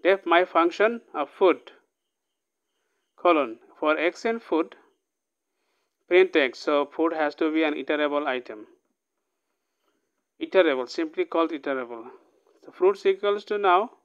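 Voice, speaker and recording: This programming tutor's voice is a little high, fairly bright, clear and resonant, captured with lo-fi sound. He walks through code line by line in a relaxed screen recording, frequently pausing to ask "okay?".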